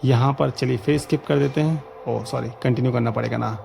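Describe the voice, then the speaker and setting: A man casually talking viewers through a gaming setup tutorial, chatty and excited, calling them friends. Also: mid-range voice, brisk, vocal fry, slight background noise. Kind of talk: casual screen-recorded tutorial commentary.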